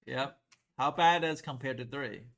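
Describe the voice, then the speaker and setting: A middle-aged man from Taiwan teaching a math class in a classroom, lively and asking the class questions. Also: medium pitch, unhurried. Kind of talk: classroom lecture at a whiteboard.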